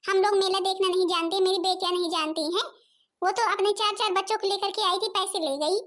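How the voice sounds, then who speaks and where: A woman playing a fiery, quarrelsome village mother, high voice. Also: fairly even intonation, a little fast, a bit bright. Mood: combative. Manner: combative, quarrelsome. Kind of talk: home-made cartoon voice acting.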